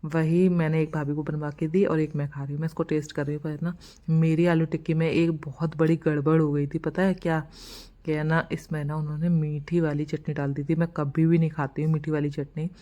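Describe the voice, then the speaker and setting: A woman's voice: low voice, little pitch movement, a little fast, warm tone, dull audio. A young adult woman narrating her vlog in a chatty, rambling way, often laughing at herself. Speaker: vlogger. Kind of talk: casual vlog voice-over.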